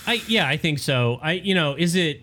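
A man co-hosting a casual chat show, animated and joking, with lots of fillers. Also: on the high side, moderate pace. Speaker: podcast co-host.

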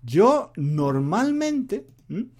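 Lively, rambling teacher man. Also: high voice, very slow. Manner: rambling, chatty, often repeating himself. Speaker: Spanish teacher and podcaster. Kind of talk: casual spoken lesson monologue.

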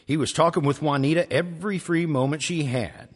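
A man's voice: fairly high pitch, brisk, breathy edge. Wry male storyteller in a church hall. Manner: wry, playful delivery. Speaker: storyteller and show host. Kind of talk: live storytelling and casual intro. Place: church, live audience. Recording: reverberant live church hall.

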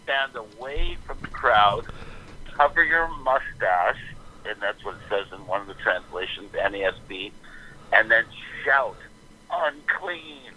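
A man's voice: fairly low pitch, animated, measured pace, bright, forceful tone, slight background noise, rough recording. A middle-aged man calling in on a speakerphone, chatting playfully and quoting scripture with mock solemnity. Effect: heard over a speakerphone. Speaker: father phoning in to a podcast. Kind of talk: casual phone chat.

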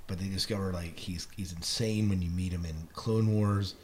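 On a clearly noisy podcast recording, a middle-aged American host talks casually about what he's been watching and reading, shows and films included. He has a deep, darkish voice with fairly even intonation and a moderate pace.

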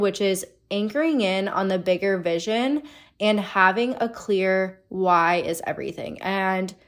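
Late 20s woman w a stuffy nose, chatty solo podcast host, says like a lot, medium pitch. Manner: chatty, informal, frequent "like". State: sick, congested stuffy-nosed sound. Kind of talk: casual solo podcast talk.

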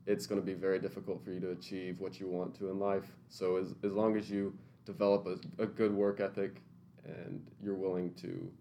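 A man's voice: low voice, level tone, normal speed, dark tone, a little hiss or hum. A young man in his twenties from Tennessee, answering interview questions in an earnest, thoughtful way with a few restarts. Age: 20s. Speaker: interview guest, teaching intern.

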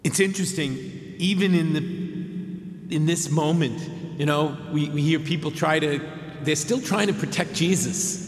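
Male preacher, measured and gentle, slightly high voice, roomy church reverb. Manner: measured, gentle preaching with slow emphatic pauses. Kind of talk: sermon. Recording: echoey hall with long reverb.

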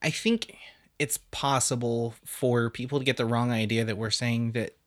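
A man's voice: mid-range voice, steady tone, moderate pace. Easygoing teasing man podcast co-host. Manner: easygoing, teasing, keeps the conversation on track. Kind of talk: casual chat.

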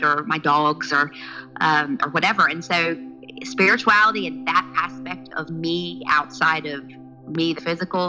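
A woman in her fifties from the southern United States, a podcast guest telling her life story in a lively, earnest way. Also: low-pitched, poor audio. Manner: lively, earnest, with laughs and restarts. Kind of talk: personal storytelling in interview.

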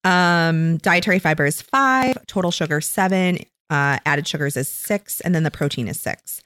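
A woman's voice: low voice, moderate pace, fairly bright tone, dry recording. A woman co-hosting a casual podcast chat on a headset, reviewing products and reading out label figures. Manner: chatty, reads out label figures. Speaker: podcast co-host.

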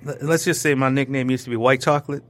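A man's voice: medium pitch, fast talker. Joking, rambling man telling stories. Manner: animated, joking, rambling with restarts; throws in playful sound effects. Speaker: interview guest. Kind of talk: casual storytelling conversation.

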